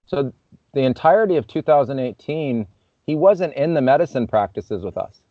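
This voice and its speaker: This podcast guest tells his story loosely and reflectively, leaning on "you know" as a filler. He's a man with an expressive, mid-range voice at a moderate pace. The recording is dry, and the audio comes across slightly muffled and dull.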